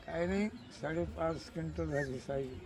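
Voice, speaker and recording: A man with a rough, gravelly and rather high voice answers in plain, matter-of-fact phrases. He sounds like a village farmer talking outdoors. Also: brisk, background noise. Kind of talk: casual outdoor conversation.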